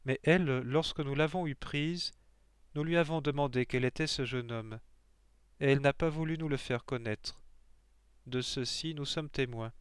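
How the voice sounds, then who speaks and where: A man's voice: medium pitch, normal speed, smooth, no room sound, clean studio sound, close to an everyday voice. A man reading as lying old male judges. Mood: accusing.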